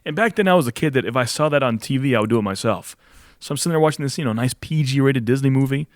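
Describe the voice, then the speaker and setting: Male podcast co-host, mid-pitched, animated and giggly, dry recording. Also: very fast, no room sound. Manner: laughs often, animated storytelling. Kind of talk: casual chat.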